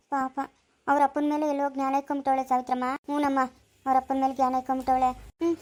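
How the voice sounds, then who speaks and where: A woman's voice: sits high, a little mellow. A woman with a Chikkaballapur Kannada accent acting in a rural family skit, talking in a scolding and soothing manner. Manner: scolding, soothing, talks over others. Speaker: village mother in a family skit.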